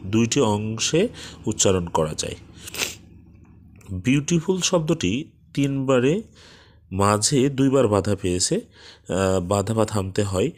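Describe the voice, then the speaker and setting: A man teaching an English grammar lesson, explaining patiently with many hesitant fillers and drawing out example words slowly. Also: mid-range voice, slight background noise.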